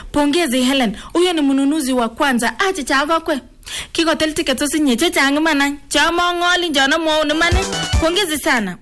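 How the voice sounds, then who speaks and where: A woman's voice: high voice, a bit bright. A Kenyan woman hosting a live radio giveaway, exclaiming and repeating herself as she switches between languages. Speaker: radio host.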